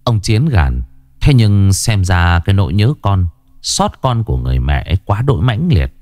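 A man narrating a ghost story in an expressive, dramatic way. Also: normal speed, dry recording. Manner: expressive, swinging pitch. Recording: narration over background music.

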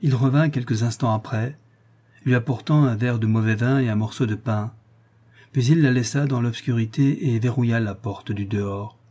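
A man reading a classic novel aloud as an audiobook narrator, in a measured storytelling manner. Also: medium pitch, fairly even intonation, warm tone.

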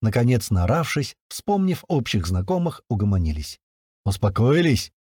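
A man's voice: medium pitch, fairly quick, husky, no echo, studio quality. A man narrating an audiobook in the first person, in a colloquial storytelling manner. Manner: colloquial storytelling with lively intonation.

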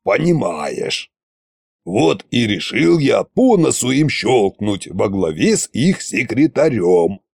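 Koschei, a self-satisfied old tsar-sorcerer, drawls and grumbles in a slow, dark voice, as a male narrator puts him on. He talks in folksy, scheming asides, and the sound is close and dry. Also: mid-range voice, very animated, vocal fry, dry recording, exaggerated voice.

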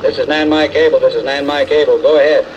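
A curt harbor radio operator. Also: male voice, on the high side, steady tone, brisk, noisy background. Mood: brisk. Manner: curt, businesslike radio replies. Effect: marine radio transmission. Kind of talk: 1940s film dialogue. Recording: dull lo-fi old film radio audio.

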